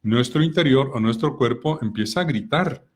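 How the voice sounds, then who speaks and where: A middle-aged man speaks at a medium pitch. He explains calmly and patiently, working through everyday examples. He often pauses to ask his listeners questions. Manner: calm, explanatory, asks many rhetorical questions. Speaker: co-host of a personal growth talk.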